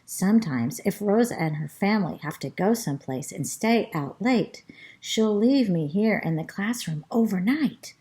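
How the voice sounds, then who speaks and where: A woman reading a children's storybook aloud as a chatty, fussy pet parrot who narrates the tale, in a slow, sing-song rhyming manner. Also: mid-range voice, vocal fry, a little mellow. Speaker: storybook reader.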